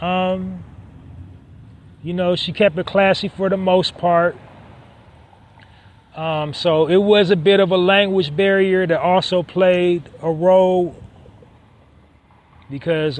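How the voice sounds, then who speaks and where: A man hosting a solo podcast in a conversational tone, repeating points for emphasis and often pausing on "um". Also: high-pitched. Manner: conversational, emphatic repetition, frequent "um" fillers. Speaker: podcast host.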